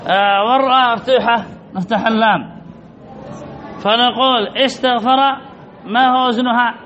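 Guy teaching grammar, really high voice, asks the class then answers himself. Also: a bit bright, low-quality recording. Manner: repetitive, asks and answers his own questions. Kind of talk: classroom lesson on word patterns.

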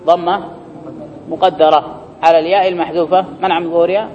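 High-voiced male grammar teacher, lecture-hall reverb, dull lo-fi sound. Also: steady tone, quick pace, a little hiss or hum. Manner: reads the text aloud, then explains it and quizzes students. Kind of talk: classroom lecture reading and explaining a text.

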